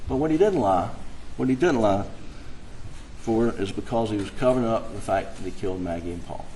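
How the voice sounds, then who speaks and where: A man delivering an emphatic, impassioned closing argument to a jury, halting and repeating phrases to drive points home. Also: lowish voice, animated, mellow, a little hiss or hum, rough recording. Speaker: defense attorney. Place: courtroom.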